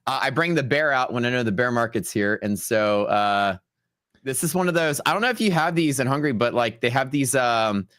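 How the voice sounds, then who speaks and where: A man joins a trading livestream as co-host, talking in a relaxed, joking way. His pitch is ordinary, mid-range. The recording is dry, with no echo at all. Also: brisk. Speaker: co-host trader. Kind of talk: casual live-stream chat.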